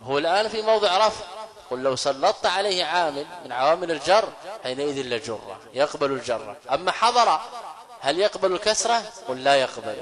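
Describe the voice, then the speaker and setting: In this grammar lecture, a man in a scholarly role asks his own questions, supplies the answers, and goes back over important phrases at a slow pace. He speaks at medium pitch, expressively, with a fairly bright tone.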